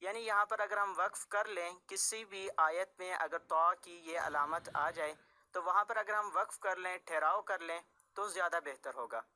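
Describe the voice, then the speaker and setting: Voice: medium pitch, normal speed, pushed and bright. A Quran recitation teacher, patiently explaining tajweed rules and restating each point several ways.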